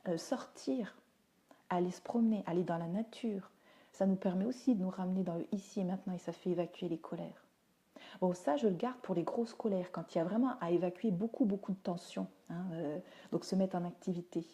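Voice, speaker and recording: Fairly quick and warm-toned, this woman's lowish voice carries a chatty livestream where she responds to viewer comments. She's a teacher and parenting speaker with a down-to-earth manner and frequent fillers, captured by a phone or webcam.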